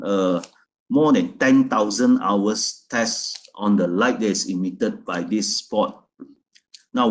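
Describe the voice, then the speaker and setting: Man giving a casual product talk. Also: fairly low pitch. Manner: repetitive, restarts phrases, casual fillers. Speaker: product presenter. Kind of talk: informal product presentation.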